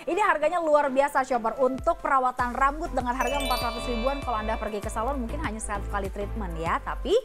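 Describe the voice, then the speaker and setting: A woman hosting home shopping, giving an emphatic, promotional infomercial sales pitch. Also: fast talker, hardly any pauses. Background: background music.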